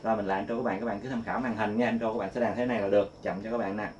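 A man giving a casual guitar lesson, singing note names slowly between quick explanations. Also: fairly low pitch, steady tone. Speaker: guitar teacher. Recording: loud guitar playing along.

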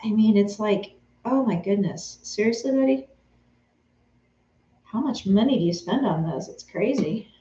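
A Texas woman in her forties, a craft vlogger, chats casually by name with her live-stream viewers while sewing in her home sewing room. Her medium-pitched voice is animated and warm, with a measured pace and frequent pauses. A camera on a tripod a few feet away picks her up indoors, giving a roomy, slightly dull home-camera sound.

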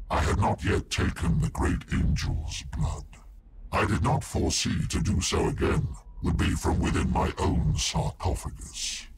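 Game casting: ancient entombed psychic warrior, solemn and portentous like a seer, voice buried in heavy noise. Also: male voice, mid-range voice. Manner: grave, cryptic, portentous seer-like speech. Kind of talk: dramatic scripted game monologue.

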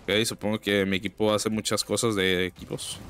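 A man's voice: flat delivery, normal speed, fairly bright tone, slight background noise. Young Mexican man commentating a game. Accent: Mexican Spanish. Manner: slangy, exclaims in sudden high bursts, complains about teammates. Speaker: gaming streamer. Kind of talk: casual gameplay commentary.

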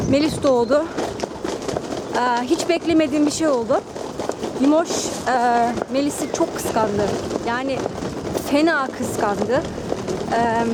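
Young female vlogger, high voice, chatty and personal, loud traffic noise around her. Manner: chatty, personal, with many fillers. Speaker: family vlogger. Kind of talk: casual vlog chat to camera. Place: outdoors on a busy city street, walking home.

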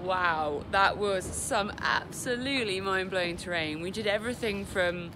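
A woman vlogging her outdoor motorbike riding, excitable and cheering, recorded on a camera mic outdoors. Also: medium pitch, moderate pace. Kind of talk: outdoor action vlog. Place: outdoors on mountain trails. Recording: loud engine noise outdoors. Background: motorbike engines.

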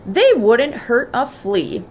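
A woman's voice: fairly high pitch, slow pace, slight background noise. A woman reading aloud, voicing a clever, cheerful boy who shows visitors around his house. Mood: excited. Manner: excited, proclaiming.

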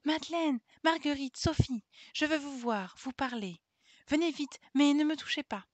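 A woman voicing a lively, caring little girl in an audiobook, with a high, excited way of calling out. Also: fairly quick, no room sound, muffled recording, lightly acted. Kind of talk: audiobook character reading.

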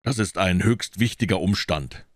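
A man reading an audiobook, voicing a shrewd, calm middle-aged detective who speaks low and measured, almost murmuring. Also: no room sound, studio quality, lightly acted. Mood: calm, probing.

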